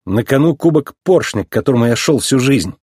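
A man voicing a cocky young race car in a storybook reading, with a quick, eager, husky voice. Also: mid-range voice, lively intonation, a little mellow, no echo, clean studio sound.

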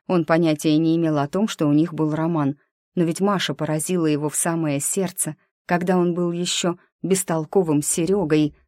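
Low-voiced woman narrating an audiobook. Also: mellow, no echo, clean studio sound. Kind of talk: scripted narration.

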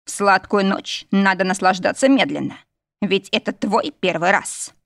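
A woman's voice: mid-range voice, normal speed, vocal fry, fairly bright tone, no room sound, studio quality. A woman voicing a smug, passionate male demon husband who talks in a teasing way, in an audiobook. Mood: seductive.

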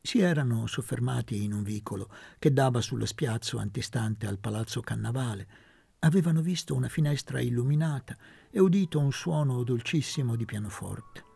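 A man reading a literary novel aloud in a measured, expressive narration. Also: mid-range voice, vocal fry, husky, no echo. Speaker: audiobook reader.

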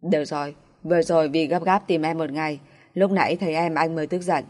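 A woman's voice: sits low, fairly even intonation, moderate pace. A woman voicing a stern, possessive young man who talks in a brusque, clipped way. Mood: soothing. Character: stern, possessive young boyfriend, cold but tender.

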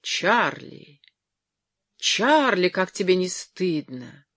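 A reader voicing an excitable, romantic young wife in an audiobook, with an exclamatory manner. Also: medium pitch, fairly quick, no echo, studio quality. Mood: reproachful. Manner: breathless, exclamatory. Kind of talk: audiobook character voice.

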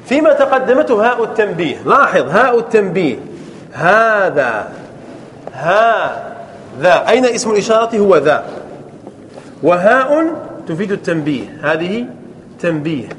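A man's voice: high voice, big pitch swings, a little fast, a little hiss or hum. A man teaching a grammar lesson to a class, explaining step by step and often checking whether the students understand.

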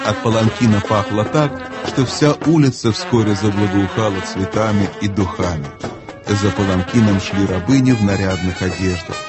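A man reading a children's fantasy novel aloud as a measured, even audiobook narrator. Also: on the low side. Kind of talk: scripted narration.

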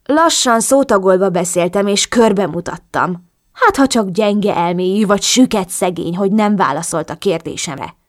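A woman's voice: mid-range voice, expressive, no echo, clean studio sound. Woman dramatically narrating a first-person novel. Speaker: audiobook narrator.

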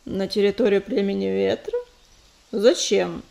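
A woman voicing a level-headed young male warrior cat who speaks calmly and evenly. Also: medium pitch, vocal fry, pitched below the performer's own voice. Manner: calm, measured.

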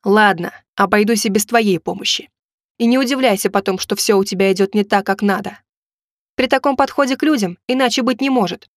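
In an audiobook, a woman with a medium-pitched, everyday-sounding voice plays a pushy young man who keeps insisting on money and is quick to take offence, sounding resentful. The recording is studio quality with no echo.

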